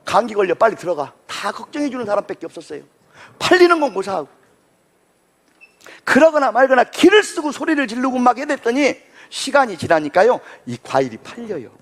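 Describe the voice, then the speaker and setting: A man giving a motivational lecture, telling stories in an animated, folksy, dramatic way. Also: very high voice, brisk.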